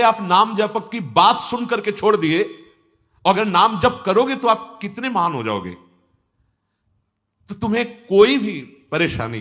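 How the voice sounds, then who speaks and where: A man's voice: a little high, fairly bright tone. A man giving a devotional discourse as a spiritual teacher, exhorting listeners and quoting scripture verses in a chanting cadence.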